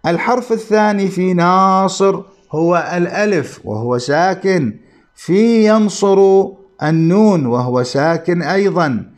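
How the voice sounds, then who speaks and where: Slow, deliberate Arabic grammar teacher. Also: male voice, high voice. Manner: slow, deliberate explaining with repetition, addressing students. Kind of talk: classroom lecture.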